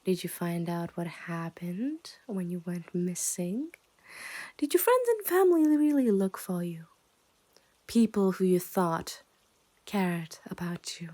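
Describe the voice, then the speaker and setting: In a dark, mid-range voice, a woman plays a smug, possessive yandere kidnapper in an intimate ASMR roleplay. She is teasing and condescending, often slipping into whispers.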